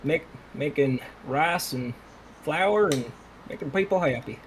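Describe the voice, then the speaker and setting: A man's voice: a little high, animated, a little slow, a little hiss or hum, poor audio. A man with a Southern US accent playing a tabletop game, talking in a friendly, slightly hesitant way. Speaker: player. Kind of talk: tabletop game chat and in-character talk.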